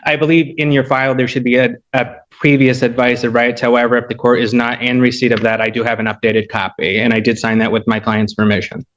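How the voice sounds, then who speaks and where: A male public defender who talks quickly in a flat, level tone, captured in a muffled courtroom recording. He addresses the bench politely and formally. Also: medium pitch.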